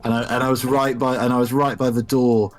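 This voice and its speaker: A man's voice: medium pitch, flat delivery, quick pace. A young man from the UK, a podcast co-host, telling rambling, profane anecdotes in casual chat, with many restarts.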